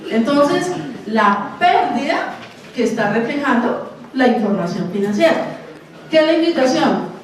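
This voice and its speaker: A woman with a Colombian accent lectures at an unhurried, deliberate pace in a slightly high voice, checking in with her listeners after nearly every point. She is picked up from a distance in a hall with heavy echo. Faint noise sits behind her. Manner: questions the audience constantly, slow and deliberate. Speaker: conference lecturer. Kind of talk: university lecture. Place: university auditorium. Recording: echoey hall, voice from far off.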